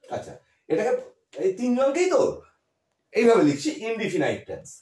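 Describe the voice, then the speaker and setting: A man's voice: high voice, huge pitch swings, moderate pace, a little mellow. A man with a West Bengal Bengali accent teaching a grammar lesson, patiently repeating key words and often checking that students follow. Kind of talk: classroom-style grammar lesson. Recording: echoey room.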